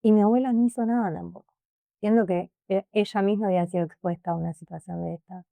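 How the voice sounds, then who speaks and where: A Rioplatense woman recounts a painful experience in an interview. Her delivery is emotional and halting, and she often repeats words as she goes. The sound is dry and close, with no room around her. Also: mid-range voice, steady tone, vocal fry, mellow, dry recording. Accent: Rioplatense Spanish. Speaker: interview guest. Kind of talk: personal testimony in conversation.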